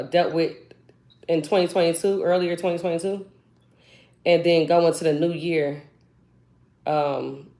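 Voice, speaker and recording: A woman from Cleveland hosting a live video call, chatting casually and loosely with her viewers. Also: on the low side. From Cleveland, Ohio. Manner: relaxed, chatty, loose Southern-style slang. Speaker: host of a live hair care consultation. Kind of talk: casual live stream chat.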